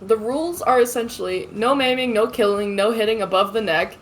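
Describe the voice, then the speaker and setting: A woman's voice: a little high, a little fast, soft background music. Profane laughing woman running the game. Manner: laughing, profane, loose narration. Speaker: game master. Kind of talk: narrating a tabletop game.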